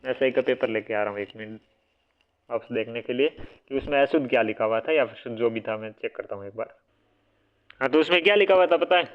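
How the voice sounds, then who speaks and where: A man's voice: mid-range voice, fast talker. A man teaching a casual exam-prep spelling lesson, repeating each word and quizzing his listeners, sometimes correcting himself. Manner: repeats words, quizzes listeners with "what will it be?"; self-correcting, casual asides. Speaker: Hindi grammar teacher. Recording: phone-like narrow band audio.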